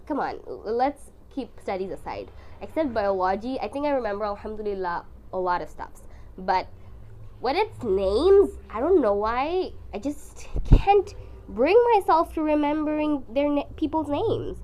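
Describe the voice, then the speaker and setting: Her slightly high voice congested and strained by the flu, a young woman narrates her painting for her art vlog at a measured pace. She's chatty, dramatic, and pokes fun at herself, with slight background noise in the recording.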